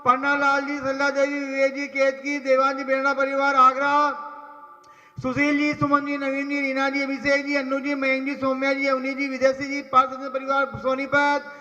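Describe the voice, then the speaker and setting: A man's voice: very high-pitched, completely flat delivery, normal speed, sharp tone. A man announcing at a temple ritual, rattling off a long list of donor names and blessings. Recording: echoey temple hall, dull lo-fi sound.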